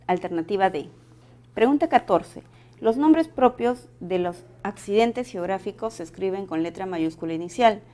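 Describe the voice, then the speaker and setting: A woman's voice: mid-range voice, a little mellow. Woman, teacher doing exam walkthrough, methodical explainer. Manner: methodical, reads each question then explains.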